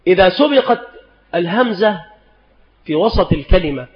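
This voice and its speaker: Male lecturer, high voice, patient and repetitive delivery, dull lo-fi recording. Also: animated. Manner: slow, deliberate, repeats each rule and example. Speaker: Islamic scholar teaching spelling rules. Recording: dull lo-fi recording in a reverberant hall.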